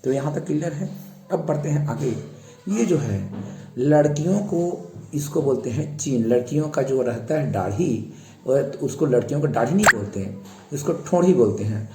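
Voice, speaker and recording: A man teaching English words for face parts to children in speech, slowly repeating each word. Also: mid-range voice, expressive, echoey room, over music. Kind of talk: slow explanatory lesson for children.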